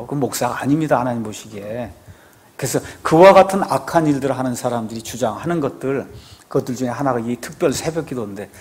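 A man's voice: medium pitch, a little mellow. A man, a pastor, giving a conversational sermon, asking his congregation rhetorical questions and often affirming himself with a short "yes".

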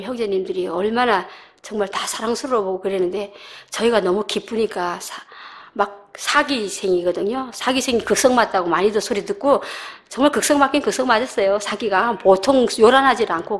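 A middle-aged woman giving a personal church testimony, telling her story with animated delivery, acting out voices and laughing. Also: mid-range voice.

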